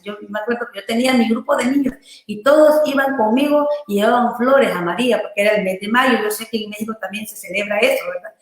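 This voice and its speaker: Woman pastor in a very echoey room. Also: fairly high pitch. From Honduras. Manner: earnest, loose storytelling with frequent "¿verdad?" and "hermano" tags. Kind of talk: telling a personal testimony in an interview.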